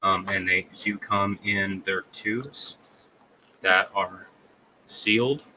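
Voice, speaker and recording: Male live-sale host, low and monotone, hesitant delivery, light background noise. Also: rough recording. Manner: halting, many ums and uhs. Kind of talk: live product selling.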